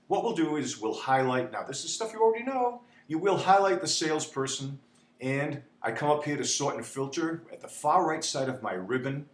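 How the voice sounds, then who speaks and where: A man teaching a spreadsheet tutorial in a chatty, repetitive way, often asking "okay?". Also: medium pitch. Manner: chatty, repeats "okay?", dramatizes panic. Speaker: instructor. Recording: echoey room with faint hum.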